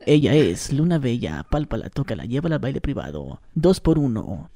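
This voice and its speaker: A man's voice: mid-range voice, very animated, normal speed, mellow, no echo, studio quality, voice pushed down. A man voicing a strip-club DJ announcer who hypes the dancers. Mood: hyping. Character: male strip-club DJ announcer, smooth and hyping.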